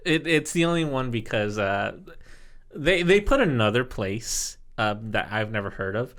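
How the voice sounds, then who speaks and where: A man's voice: mid-range voice, very animated, moderate pace, a bit bright. An American man presenting a topic on a casual podcast, hesitant and full of fillers, often breaking into laughter. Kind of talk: casual explanation.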